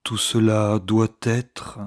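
A woman voicing an anxious, hesitant young man who thinks aloud in a low, slow voice. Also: level tone, no room sound, studio quality, full character voice. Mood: brooding.

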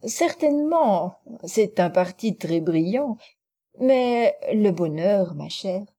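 A woman voicing a worldly old lady who speaks slowly in a raised, lilting voice. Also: mid-range voice, animated, dark tone, slightly rough. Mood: knowing.

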